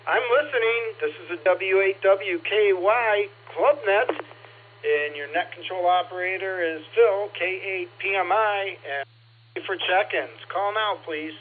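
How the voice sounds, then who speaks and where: A man running a ham radio net, his slightly high voice coming through a narrow, tinny two-way radio band. Faint static and hum sit under his easygoing talk. He fills the gaps with small pauses as he welcomes callers and hands out trivia. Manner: easygoing, frequent "uh" pauses, friendly trivia quizzing. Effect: heard over two-way radio with faint static. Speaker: amateur radio net control operator.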